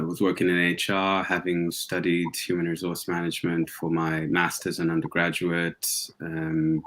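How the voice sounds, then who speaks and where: A man from Zambia with a low voice speaks as a guest on a talk show. He is polite and articulate, introducing himself in an easy, measured way. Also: a bit bright. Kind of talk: casual conversation.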